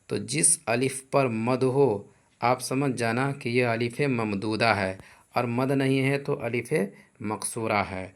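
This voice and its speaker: A man teaching a grammar class, patiently repeating each rule and example slowly. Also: mid-range voice, fairly even intonation. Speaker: Urdu teacher. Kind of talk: grammar lesson.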